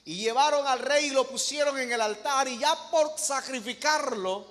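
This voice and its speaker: A man's voice: extremely high pitch, normal speed, a bit bright. A male pastor with a Nicaraguan accent, preaching a sermon and telling stories, calling listeners brother. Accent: Nicaraguan Spanish. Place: church. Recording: echoey church hall.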